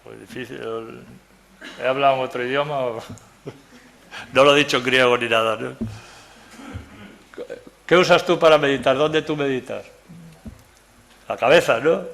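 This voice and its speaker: A man's voice: medium pitch, unhurried, gravelly, long pauses, a bit bright. An older man from Galicia, giving a Bible study sermon in a conversational way, often asking "¿verdad?" and joking with his listeners. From Galicia, Spain. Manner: conversational, keeps asking "¿verdad?", jokes with the audience. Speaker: preacher. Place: church meeting room.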